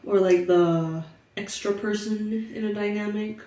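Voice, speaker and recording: A woman's voice: medium pitch, fairly even intonation, unhurried, dark tone, echoey room, far from the mic. A young woman with a stuffy, congested nose, chatting casually through a tarot reading and laughing often. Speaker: tarot reader.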